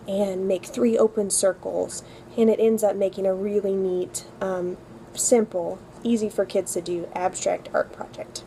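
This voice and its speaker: A chatty, upbeat woman talks through her weekly tutor plans and fills her pauses with ums. Her voice is mellow and warm. A faint hiss of noise sits underneath. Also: medium pitch, low-quality recording. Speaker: homeschool co-op tutor. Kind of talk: casual lesson-plan walkthrough.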